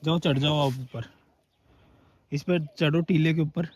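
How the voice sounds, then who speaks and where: A man with a hoarse, scratchy throat narrating a casual outdoor vlog as he walks over dunes and up a forested hill, chatting to his viewers. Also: a little high, steady tone, unhurried. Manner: chatty, keeps calling viewers "brother". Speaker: vlogger.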